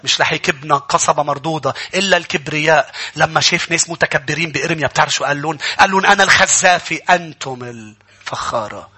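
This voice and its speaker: A man's voice: fairly high pitch, fairly even intonation, very fast, pushed and bright, husky. A man with a Lebanese accent preaching a sermon to his church congregation, emphatic and rousing, often calling out to the listeners. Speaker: pastor.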